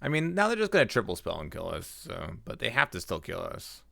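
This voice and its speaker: A male livestreamer talking straight into a headset mic, with a dry and close sound and no room around him. His pitch swoops up and down as he reacts to the game and answers his chat. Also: wildly swooping pitch, fairly quick, vocal fry, sharp tone, dry recording. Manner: chatty, reacts aloud while playing, talks to chat. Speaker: livestreamer and card game player. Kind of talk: live gameplay commentary.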